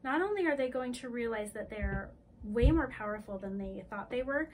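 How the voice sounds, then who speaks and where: High-voiced woman podcast co-host recapping a book. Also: slight background noise, low-quality recording. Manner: animated storytelling, slipping into quick voices for the characters. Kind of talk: casual book-club chat.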